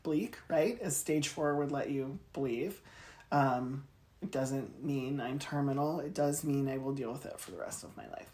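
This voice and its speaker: A woman with a notably low voice talks candidly in a relaxed podcast chat. Her humor is dry and she laughs easily with her co-host. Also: normal speed, a little hiss or hum. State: in chemotherapy treatment. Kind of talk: casual chat.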